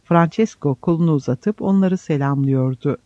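Mellow solemn male audiobook narrator. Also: a little high, no room sound. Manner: measured, solemn reading. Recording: slightly dull lo-fi recording.

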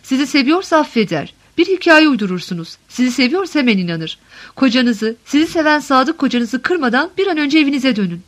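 A woman's voice: sits high, big pitch swings, a little fast. A woman voicing an ageing male columnist who answers carefully and politely, with weary restraint, in an audiobook reading. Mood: cautious.

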